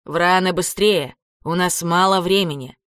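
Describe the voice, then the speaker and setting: A woman voicing an old ghost sea captain with a booming, slow delivery. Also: fairly bright tone, no echo, clean studio sound.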